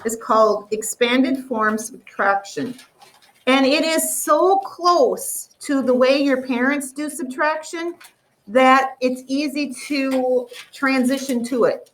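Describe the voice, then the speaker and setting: A woman teaching a math lesson to a classroom, explaining step by step and slowly drawing out the numbers. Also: high voice, a bit bright, far from the mic, a little hiss or hum, rough recording.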